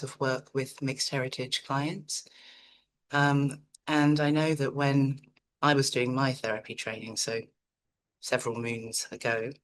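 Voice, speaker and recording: With a bass voice, this middle-aged woman from Nigeria leads an online seminar as a psychotherapist, her delivery calm, reflective and measured.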